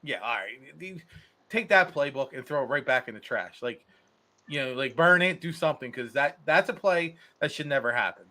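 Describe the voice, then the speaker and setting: A man's voice: medium pitch, normal speed. A man co-hosting a casual sports podcast, talking animatedly and acting out players' lines with frequent restarts. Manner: animated, acts out players' lines, repeats words. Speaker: podcast co-host.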